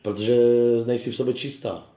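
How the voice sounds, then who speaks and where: A man's voice: medium pitch, warm tone, echoey room. A man taking part in a group Bible discussion, chiming in with teasing remarks. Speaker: participant.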